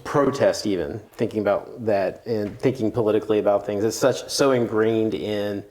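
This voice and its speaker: A man with a lowish voice leads the conversation as interviewer. He phrases his questions haltingly and thinks aloud, often restarting a line to get it right. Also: darkish tone.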